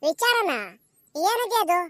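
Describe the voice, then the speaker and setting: Woman playing a cartoon village mum, squeaky very high voice, bright, melodramatic wailing and cursing. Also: expressive, slow, dry recording, clean studio sound, heavily acted. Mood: curious. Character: distraught village mother, loud and wailing.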